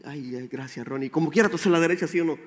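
A man's voice: on the high side, fast talker. A man preaching a sermon, speaking directly and with animation to his congregation. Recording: roomy hall with faint music.

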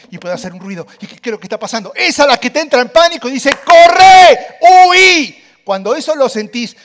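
A man's voice: high voice, fairly bright tone. A man preaching a sermon, speaking animatedly and addressing the audience directly.

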